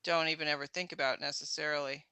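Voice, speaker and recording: A speaker chats casually in a very bright, tense voice that comes through smooth and crisp. They react with emphatic disbelief, and the recording is dry and close. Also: medium pitch, fairly even intonation, fast, no room sound. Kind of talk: casual chat.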